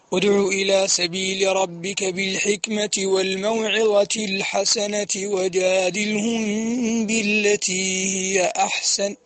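A man giving a religious lecture, explaining steadily and chanting quoted verses slowly. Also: medium pitch, vocal fry, a bit bright, slightly rough. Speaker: preacher.

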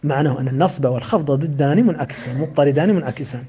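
A man's voice: fairly high pitch, racing, warm tone. A man teaching the rules of a classical verse text on recitation, explaining them step by step with frequent hesitations.

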